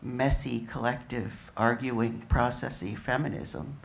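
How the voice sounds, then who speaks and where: A woman speaking as a panelist at a museum discussion, emphatic with drawn-out phrasing. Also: extremely low pitch, gravelly, slight background noise. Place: museum event room.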